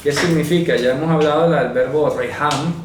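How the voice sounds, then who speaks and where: A man teaching a Bible study, slowly spelling out Hebrew phrases and often checking that listeners follow. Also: fairly high pitch, steady tone. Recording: echoey room, mic far off, faint noise.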